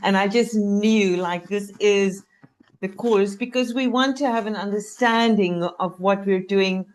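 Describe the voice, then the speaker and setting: A South African woman who speaks Afrikaans as her first language joins a video-call interview as a coach guest, chatting casually and laughing often. Her voice is medium in pitch with a measured pace.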